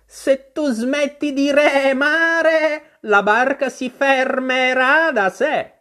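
A reader voicing a grumpy old female sheep who scolds slowly while she knits, in a storybook reading. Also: sharp tone, heavily acted. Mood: scolding. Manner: slow, high and scolding.

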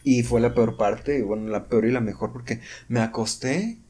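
A man's voice: medium pitch, moderate pace, dark tone, husky. A young man, co-hosting a casual podcast and telling a story animatedly with sound effects and restarts. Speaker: podcast co-host. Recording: home podcast recording.

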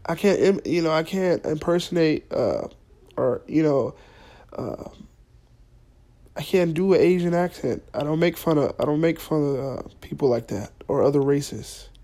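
A man hosting a podcast with a mellow, darker tone and a slightly high voice. He rants in a profane, mock-earnest way, circling back over his words. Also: moderate pace. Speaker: podcast host. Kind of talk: comedic podcast monologue.

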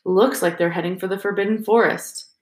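A woman's voice: mid-range voice, steady tone, fairly quick, lightly acted. A woman reading the part of a determined teenage boy wizard who speaks firmly, in an audiobook. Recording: roomy echo.

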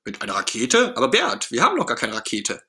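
A man's voice: medium pitch, huge pitch swings, fast, bright, forceful tone, heavily acted. A man voicing Ernie, a cheerful, eager boyish puppet friend, in a storybook reading with a bubbly, pleading manner.

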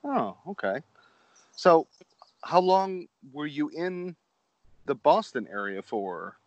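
A man from Connecticut with an American accent conducts an interview in a casual, thoughtful and somewhat hesitant manner. His voice is on the high side with big pitch swings, and he speaks slowly. The audio has no echo but its highs are cut off.

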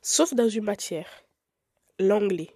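Young female podcast host, grew up in Italy; warm, relaxed tone, dry close sound, chatty and frank. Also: medium pitch, slow pace, no room sound. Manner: candid, expressive, chatty with filler words. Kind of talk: casual podcast monologue.

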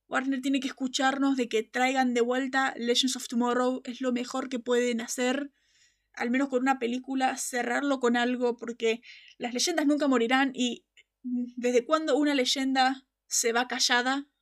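Passionate woman podcast host, high voice with a gravelly edge, emphatic and quick to laugh. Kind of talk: casual fan-show chat.

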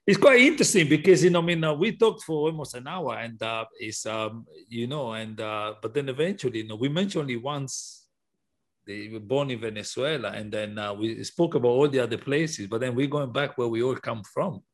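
A man's voice: medium pitch, a little fast. A man hosting a podcast, chatting casually and rambling through repeated restarts as he asks questions. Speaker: podcast host. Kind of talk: casual interview chat.

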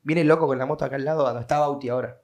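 A man's voice: mid-range voice, very fast. A young man with an Argentine accent, a podcast guest telling a story casually and acting out sounds and voices. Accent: Argentine Rioplatense Spanish. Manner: animated, acts out voices and sounds in his story.

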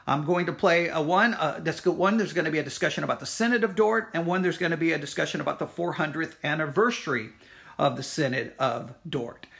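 Speaking informally, a man who teaches at a Baptist church and hosts a podcast delivers an announcement along with church history lessons, pressing his points insistently and repeating them. His voice sits on the high side, brisk and gravelly, a bit bright.

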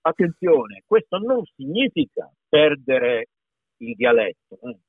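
Heard over a tinny, phone-like line with no room sound, a middle-aged Piedmontese voice actor from Italy talks animatedly as an interview guest. He's slow and fairly high-pitched with a breathy edge, stressing his points and repeating words in the casual exchange.

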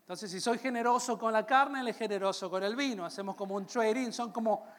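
A Latin American man preaching a sermon, calling out to his congregation and slowing down on key phrases. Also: high voice, a little hiss or hum. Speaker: pastor.

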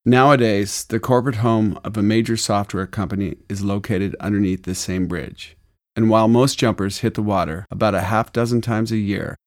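A man from Arizona narrating a memoir audiobook in a wry, deadpan, gritty way. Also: fairly low pitch.

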